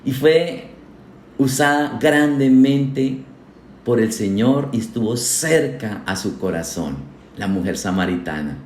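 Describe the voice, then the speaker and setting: A man's voice: medium pitch, animated, takes it slowly, darkish tone, slight background noise. A man, a pastor, preaching a sermon to his congregation, earnest and asking them questions directly. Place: church hall. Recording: echoey church hall.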